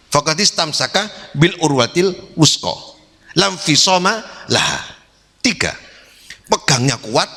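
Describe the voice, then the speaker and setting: A man's voice: fairly high pitch, pushed and bright. A male kyai, preaching a sermon to his congregation in an emphatic, repetitive way. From East Java. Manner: emphatic, repetitive, switching into Javanese asides. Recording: long reverb of a hall.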